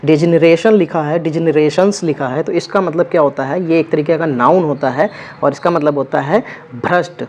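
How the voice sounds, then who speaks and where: A man's voice: a little high, moderate pace, a little mellow. Man teaching vocabulary, lo-fi recording. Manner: repeats words with frequent check-ins. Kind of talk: exam vocabulary lesson.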